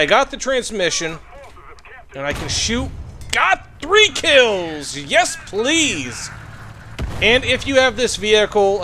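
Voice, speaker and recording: A man chatting excitedly through a tank game match, giving tips to viewers and reacting to kills and close calls with lots of fillers. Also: sits high, a little hiss or hum. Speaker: gaming commentator. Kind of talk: gameplay commentary with tips.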